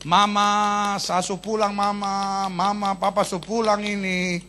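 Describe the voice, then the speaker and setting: A man voicing a drunk father from Papua with a Papuan Malay accent, calling out in a slurred, drawn-out way. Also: sits high, level tone, bright, forceful tone, faint music behind, exaggerated voice. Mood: pleading drunk.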